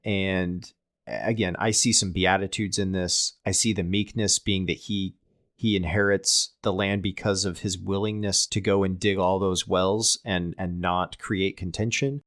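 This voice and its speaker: A man's voice: deep voice, flat delivery, measured pace, a bit bright. A man co-hosting a casual scripture discussion podcast, talking thoughtfully and often restarting and repeating words as he works through a point. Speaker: podcast co-host.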